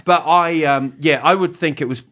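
With a voice on the high side and a bit bright, a comedian from England in his fifties rambles through a candid, self-mocking interview about himself. He often stops and restarts, dropping quick put-on voices into his jokes, and his English accent has a slight New Zealand touch.

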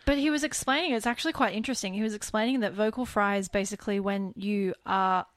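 Mellow woman with heavy vocal fry. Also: fast, dry recording, clean studio sound. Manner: mellow, low-key and relaxed. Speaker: podcast co-host. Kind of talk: casual podcast chat. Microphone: desk microphone.

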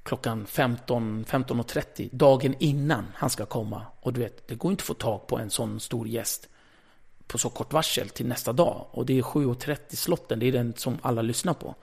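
A man, a former radio host, tells a story in a casual interview, blunt and lively, swearing freely and acting out the conversations. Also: mid-range voice, gravelly, breathy edge.

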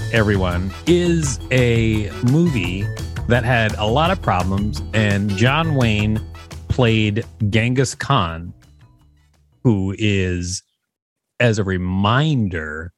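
A podcast co-host reads an article aloud, dropping in wry, jokey asides as he goes. His voice is lowish and expressive, and he takes his time. Soft music plays underneath.

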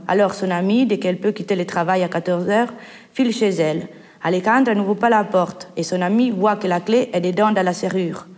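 A woman reading letters aloud in a measured, literary way, as part of a poetry performance. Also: on the low side, darkish tone. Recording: long hall reverb.

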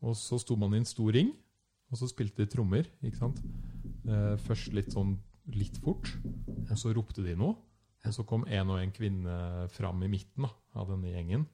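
Casting: lower-voiced man, animated storyteller, acts out quotes. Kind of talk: casual storytelling chat.

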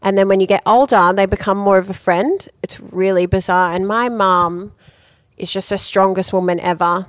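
A young woman telling a story in casual podcast chat, full of "like" and quick laughs. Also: mid-range voice, steady tone, no echo. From Australia. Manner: chatty storyteller, many likes and laughs. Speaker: guest.

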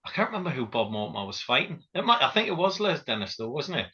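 A man's voice: mid-range voice, big pitch swings, fast, bright, forceful tone. A man co-hosting a casual podcast chat, teasing his co-host and swearing freely. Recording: dull lo-fi sound.

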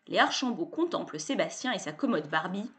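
A woman narrating a children's story in a playful, expressive way. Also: mid-range voice, fairly quick.

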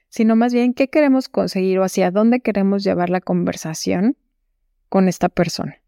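A woman hosting a solo advice podcast. She explains calmly and speaks directly to the listener. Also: mid-range voice, no room sound, clean studio sound. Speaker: podcast host.

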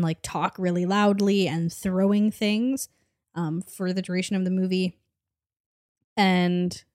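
A woman's voice: medium pitch, darkish tone, no room sound, clean studio sound. Woman podcast host, getting over an illness. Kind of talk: casual chat.

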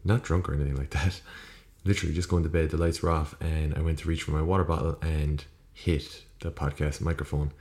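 An Irish man with a very low voice talks solo as a podcast host. His intonation stays flat while he rambles casually, corrects himself and swears offhand. The room around him sounds echoey, with poor acoustics. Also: a little fast, few pauses. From Ireland. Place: small room, indoors. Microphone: USB podcast microphone.

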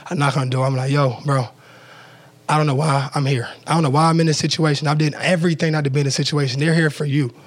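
A man's voice: a little high, fairly even intonation, quick pace. A man, a former pro football player, telling a story as an interview guest in loose, casual talk full of "like" fillers and acted-out quotes.

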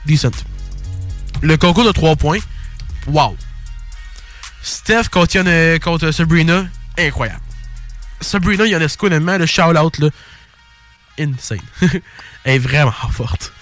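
Slangy young Québécois man, higher voice. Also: takes it slowly, long pauses, soft background music. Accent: Québécois French. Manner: slangy, excitable, swears freely. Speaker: podcast host. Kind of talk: casual sports chat.

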